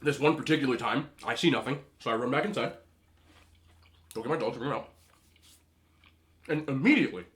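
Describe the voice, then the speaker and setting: Male mukbang host, casual rambling storyteller, eating between phrases, animated and slangy, mid-range voice. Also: medium pitch, brisk, pauses often.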